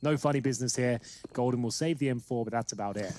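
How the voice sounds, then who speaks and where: A man with a mid-pitched voice works as an esports caster, commentating live on a match. Clear game noise, with gunfire and clicks, runs behind him. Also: quick pace, darkish tone.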